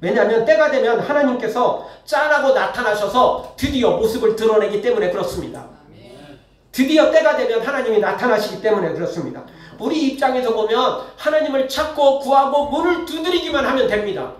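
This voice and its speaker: A man's voice: very high-pitched, expressive, a little fast. A male pastor giving a conversational sermon, acting out blunt voices as he tells it. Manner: conversational preaching, acts out the wicked in blunt speech. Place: church sanctuary. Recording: echoey church hall, mic at a distance.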